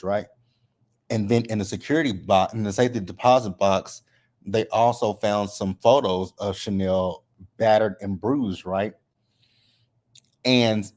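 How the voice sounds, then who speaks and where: A man's voice: on the low side, a little mellow. A man giving a casual, conversational recap with a slight lisp from wearing braces, often tagging his points with a questioning "right?". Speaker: host of a TV episode recap.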